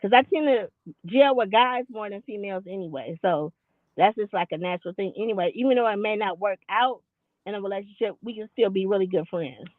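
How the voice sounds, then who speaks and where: A woman in her late forties, a podcast guest, chats candidly and loosely in a casual talk, rambling and self-deprecating as she explains herself. Her medium-pitched voice is fairly quick, and the sound is phone-quality with no echo.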